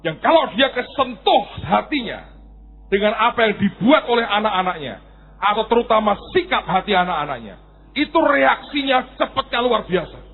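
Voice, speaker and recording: A middle-aged male pastor delivering an animated sermon and acting out little scenes as he goes. His voice is high and husky, with a lively, swooping pitch. The recording is thin and tinny, like a phone line. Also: normal speed, faint music behind. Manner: animated, acts out stories and voices.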